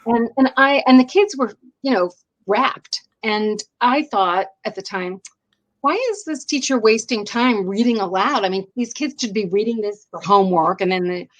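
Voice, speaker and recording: An American-accented education writer speaks as an interview guest in a mid-range voice at a normal speed. She explains things thoughtfully, rephrasing as she goes.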